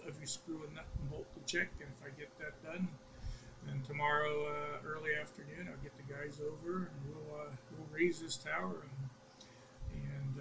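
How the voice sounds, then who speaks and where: A man checking in on an amateur radio net, chatty and rambling, heard over a radio transmission. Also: on the high side. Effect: radio transmission with static. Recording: radio audio with loud static.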